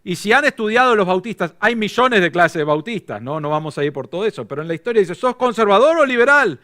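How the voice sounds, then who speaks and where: Bright-voiced Argentine pastor preaching. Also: male voice, high-pitched, animated, fast talker. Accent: Argentine Spanish. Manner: conversational, storytelling preaching. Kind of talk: sermon.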